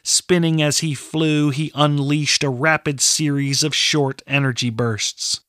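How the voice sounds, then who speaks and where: A man reading a fantasy novel aloud as narrator, in a measured, steady storytelling manner. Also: fairly high pitch, no room sound, studio quality. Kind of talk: scripted audiobook narration.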